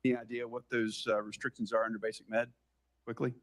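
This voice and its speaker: An American man acting as a senator questions a witness at a formal hearing, brisk and pressing, with halting pauses. His voice is medium-pitched and a bit bright, with a level tone.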